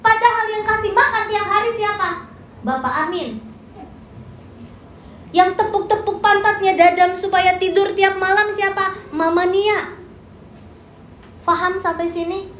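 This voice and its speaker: A woman pastor preaching a sermon in an animated way, acting out quotes and asking the congregation questions. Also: extremely high pitch, a little slow, long pauses, very echoey, slight background noise, poor audio.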